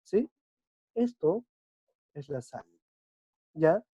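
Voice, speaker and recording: A male chemistry teacher explaining a lesson patiently, often checking understanding with quick tag questions. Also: a little high, lively intonation, warm tone, husky, no room sound. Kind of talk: online class explanation. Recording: dull dry lo-fi recording.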